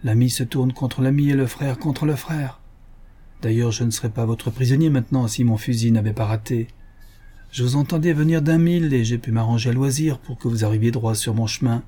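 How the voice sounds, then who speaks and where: A man's voice: mid-range voice, a little fast, dark tone, natural voice. A man voicing a captured young spy who groans and speaks in a bittersweet tone, in a read-aloud adventure story. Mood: sour. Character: captured young male spy, whining and sour.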